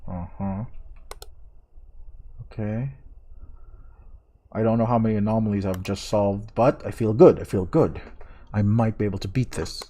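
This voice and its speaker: A man giving live commentary as he streams a horror game, jumpy and scared, thinking aloud in short, halting phrases. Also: fairly low pitch, mellow.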